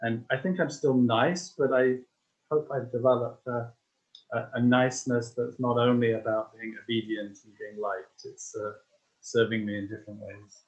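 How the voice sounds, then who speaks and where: A man's voice: medium pitch, steady tone, moderate pace, rough recording. A man trainer speaking in a reflective, hesitant way over a video call. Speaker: nonviolent communication trainer.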